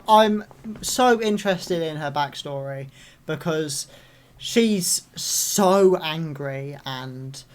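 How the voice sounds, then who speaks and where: Brief: young male reaction host, chatty and excitable, loud outbursts, swears. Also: on the high side. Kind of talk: live reaction commentary.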